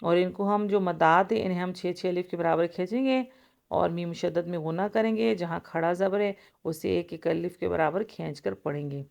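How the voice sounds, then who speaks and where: A woman's voice: on the low side, gravelly, darkish tone. A woman teaching Quran recitation rules, patiently explaining each letter and stretching out recited sounds. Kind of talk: tajweed lesson, explaining and reciting.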